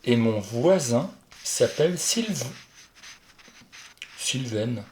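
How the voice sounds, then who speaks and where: A man in a chatty teaching manner works through spelling corrections, addressing a child directly and fixing his own mistakes out loud. His voice sits at an ordinary middle pitch. A faint hiss stays under the recording. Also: expressive, very slow. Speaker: primary school teacher. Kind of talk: explaining spelling exercises to a child.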